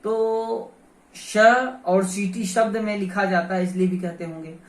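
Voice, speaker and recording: Slow, methodical teacher in an echoey room. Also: medium pitch, steady tone, darkish tone. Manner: methodical, repeats each sound aloud to demonstrate. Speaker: grammar teacher. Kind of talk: explaining pronunciation in a lesson. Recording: roomy echo, voice from a distance.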